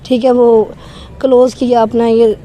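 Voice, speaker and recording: A woman's voice: a little high, flat delivery, warm tone. A woman recounting a frightening personal experience in an interview, her voice trembling and shaken as she tells it earnestly. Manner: emotional, earnest storytelling.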